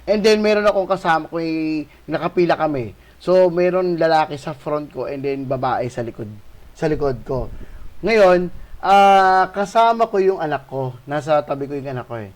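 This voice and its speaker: A male host telling a spooky encounter in a casual, animated way, swearing and adding tag questions. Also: on the high side, moderate pace. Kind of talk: casual storytelling of a ghost encounter.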